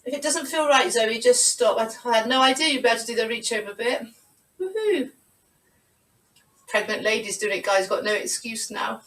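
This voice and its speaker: A woman's voice: a little high, fairly even intonation, fast talker, hardly any pauses, a bit bright. A woman teaching a live online Pilates class, encouraging her students and counting the reps aloud. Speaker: Pilates instructor. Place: room at home, on a video call. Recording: roomy, distant video-call sound.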